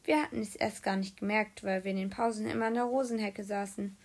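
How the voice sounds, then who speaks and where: A woman narrating a children's audiobook in a lively storytelling manner. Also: mid-range voice, fast talker. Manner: lively storytelling, voicing characters.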